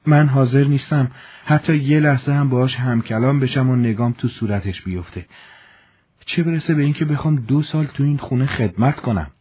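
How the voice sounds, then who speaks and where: A man's voice: medium pitch, warm tone, breathy edge, lo-fi sound, pitched above the performer's own voice, natural voice. A man voicing a young village conscript who speaks earnestly and firmly. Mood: resolute. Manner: earnest, resolute. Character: young village soldier, firm and principled.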